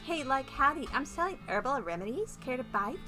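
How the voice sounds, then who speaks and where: A woman's voice: sits high, animated, a little fast. A woman voicing a laid-back hippie woman who sells herbal remedies, drawling and peppering her talk with "like" and "groovy". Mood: mellow. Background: game music.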